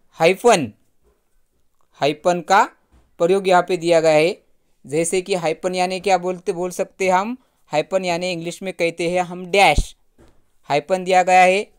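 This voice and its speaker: A middle-aged man teaching Hindi grammar, taking his time and reading words from a list one by one. His voice is smooth and clear, recorded close and dry. He often says a point twice. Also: high voice, no room sound. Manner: reads word lists aloud and repeats points. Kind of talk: grammar lesson.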